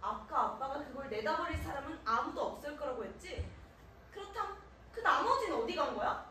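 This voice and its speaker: A woman acting in a live stage play as a shrill, argumentative middle-aged wife. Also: lively intonation, a little fast, sharp tone. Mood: scheming. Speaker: student stage actor. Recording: echoey hall, miked from far off, with faint noise.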